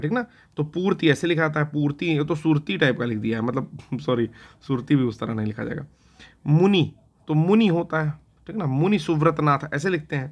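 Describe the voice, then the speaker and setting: A man teaches an exam-prep spelling lesson. He talks in an easy, conversational way, keeps checking in with his students and mutters to himself as he writes. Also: on the high side. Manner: conversational, repeats "theek hai na" often; talks to himself while writing on a board.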